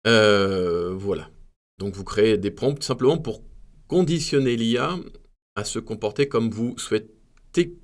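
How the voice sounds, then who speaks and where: A man with a lowish voice walks viewers through a software demo from his desk. He talks casually and hesitantly, pausing on fillers and correcting himself as he goes. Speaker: tech video host. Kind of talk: screen-recorded software demo.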